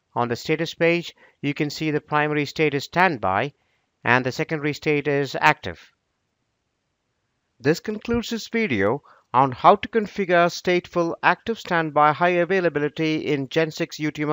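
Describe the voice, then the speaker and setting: Dry, steady male tutorial narrator. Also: a little high, dry recording. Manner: steady, instructional. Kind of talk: scripted screen-recording tutorial narration.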